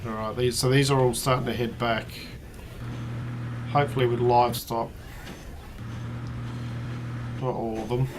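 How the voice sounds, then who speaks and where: An Australian man thinking aloud as he plays a strategy game, counting quietly under his breath, his voice worn and starting to go. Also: medium pitch, little pitch movement, unhurried, pauses often, noisy background. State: losing his voice. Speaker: let's play host. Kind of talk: casual gameplay commentary.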